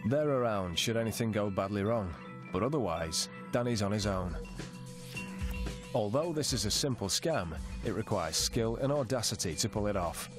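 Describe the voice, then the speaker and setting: Casting: man for dramatic TV voice-over, lowish register, music underneath. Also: lively intonation, normal speed. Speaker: narrator. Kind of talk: scripted TV narration.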